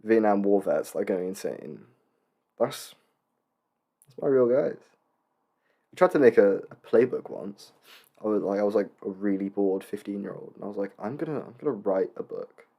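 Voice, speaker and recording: Rambling man with a low voice. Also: normal speed, creaky, pauses often, warm tone. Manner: rambling, full of fillers and restarts, jokey asides. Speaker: podcast host. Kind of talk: casual solo podcast monologue.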